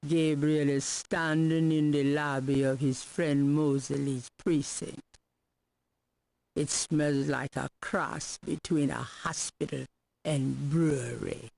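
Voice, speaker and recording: An actress playing a wry, unhurried video game narrator with a gravelly, creaky drawl. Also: female voice, low-pitched, steady tone, darkish tone, exaggerated voice, low-quality recording.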